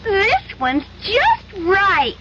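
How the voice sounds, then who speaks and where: An actress playing a prim, perky storybook Goldilocks as a theatrical taste tester in a radio ad. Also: female voice, very high-pitched, huge pitch swings, drawn-out words, full character voice. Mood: perky, mock-prim. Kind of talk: playful character radio advertisement. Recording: muffled vintage radio, faint noise.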